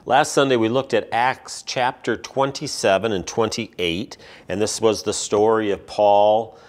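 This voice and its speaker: Low-voiced male pastor preaching. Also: unhurried. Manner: relaxed conversational preaching. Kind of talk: sermon.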